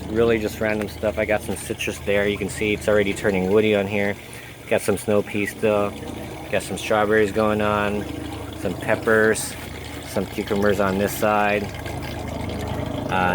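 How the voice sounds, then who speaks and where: Male gardener, low flat delivery, rambling garden-tour vlog recorded outdoors with faint background noise. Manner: rambling, with frequent fillers and self-corrections. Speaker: home gardener. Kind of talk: casual garden walk-through.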